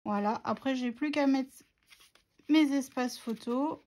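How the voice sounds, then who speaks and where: A woman's voice: high-pitched, measured pace, a little mellow. A woman narrating a scrapbooking tutorial in a chatty, self-mocking way, with many fillers. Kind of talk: casual craft tutorial narration.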